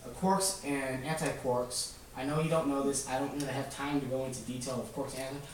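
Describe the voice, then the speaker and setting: A man speaks a little fast in a steady, mid-range voice, giving kids a casual lesson driven by questions he asks again and again while explaining simply. Faint noise, echo, and a distant microphone mark the recording.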